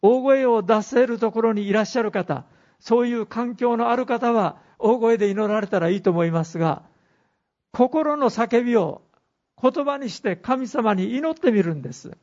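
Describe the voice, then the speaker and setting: A man preaching a sermon as pastor, speaking earnestly with pauses and reading scripture aloud. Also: very high-pitched, darkish tone. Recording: dull lo-fi recording.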